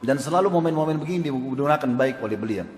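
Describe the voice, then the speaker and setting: A man's voice: mid-range voice, lively intonation, fast talker, darkish tone, slight background noise. A man preaching a sermon, asking his audience questions and acting out quoted speech. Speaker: Islamic preacher. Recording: echoey hall with long reverb.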